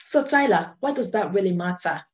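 A woman's voice: medium pitch, expressive, a little fast, rough recording. Woman host asking friendly questions on a video call, from her kitchen. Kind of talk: interview questions. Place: home kitchen.

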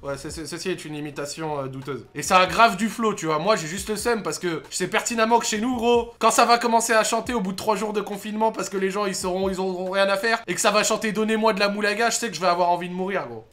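A young man commentating his own gameplay, excitable, swearing and shouting at the game. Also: high-pitched, fast, hardly any pauses. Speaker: gaming YouTuber.

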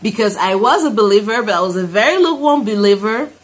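A woman's voice: medium pitch, lively intonation, quick pace. A woman in her thirties from Cameroon giving a heartfelt, emphatic personal testimony and prayer to camera. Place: small room indoors. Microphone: phone at arm's length.

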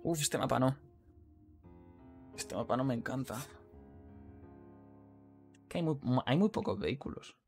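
A man's voice: medium pitch, animated, measured pace, pauses often, faint music behind. A man with a Madrid Spanish accent giving casual, rambling commentary while streaming a game, full of self-mocking jokes. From Spain. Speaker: gaming streamer.

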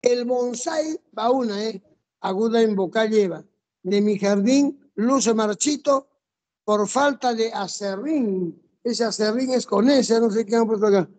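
A classroom teacher with a warm, mellow tone who talks at a slow, deliberate pace. The teacher lays out each rule in order and keeps asking the students for answers. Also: mid-range voice. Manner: methodical, drills rules step by step and quizzes students. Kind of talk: classroom lesson.

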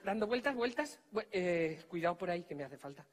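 A man with a Spanish accent performing a live comedy magic act, teasing volunteers and giving them quick orders on stage. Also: high voice, animated.

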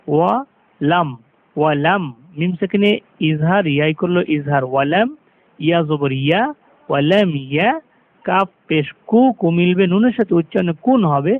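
A man teaching Quran recitation, explaining pronunciation rules step by step and slowly chanting the verses. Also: high-pitched. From Bangladesh. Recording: tinny lo-fi phone-like sound.

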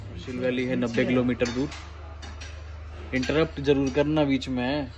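A young travel vlogger chats casually to his phone, held at arm's length, first outdoors by a river and later in a car and a restaurant, talking straight to the camera as he narrates his travels. His voice is medium-pitched, a little mellow, with little pitch movement and normal speed. The recording is rough, with slight background noise.

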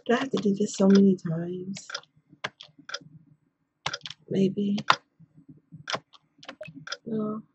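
A young woman hosting a game playthrough in a quiet whisper, chatting casually as she plays. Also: mid-range voice, fairly even intonation, extremely slow, pauses often, lo-fi sound. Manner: whispering quietly, keeping voice hushed. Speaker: gaming video host. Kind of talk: whispered let's play commentary, casual chat. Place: indoors at home. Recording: noisy background, keyboard and mouse clicks.

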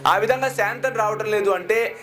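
A male spiritual teacher telling a devotional story in an animated, expressive sermon. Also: high voice, normal speed. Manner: animated, switches into character voices.

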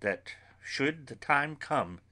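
A man reading an audiobook, voicing an anguished, earnest young woman who pleads solemnly and slowly with her friends. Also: medium pitch, expressive, pushed and bright, pitched above the performer's own voice. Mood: solemn pleading. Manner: solemn, slow, pleading delivery.

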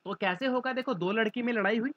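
A man's voice: very high-pitched, quick pace, no echo, dull audio. A male teacher explaining vocabulary through mnemonics, acting out little scenes as he goes. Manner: lively, acts out little scenes.

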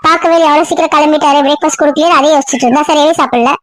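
A woman acting in an audio drama, scolding and bossy with a sharp tongue. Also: high voice, steady tone, very fast, slight background noise.

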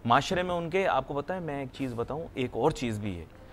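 A man hosts a studio business talk show, chatty and animated, jumping in and telling anecdotes. His voice is medium-pitched and brisk, with a little hiss or hum in the recording.

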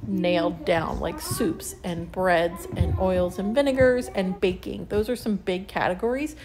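A woman's voice: fairly low pitch, animated, a little slow, over music. Chatty woman narrating a home vlog. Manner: chatty, laughs lightly mid-sentence. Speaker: home organizing vlogger. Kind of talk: casual voice-over narration. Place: home kitchen with pantry, indoors.

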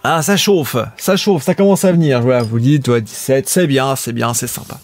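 A man casually chatting with viewers as he hosts a live stream of old adventure games, rambling in a relaxed way. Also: medium pitch, moderate pace, faint music behind.

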